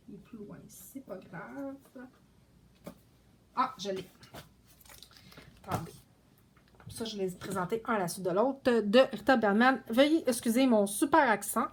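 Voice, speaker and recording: A woman's voice: mid-range voice, noisy background. Chatty woman with loose, meandering speech. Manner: chatty, meandering, many fillers and restarts. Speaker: coloring book vlogger. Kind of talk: casual show-and-tell vlog.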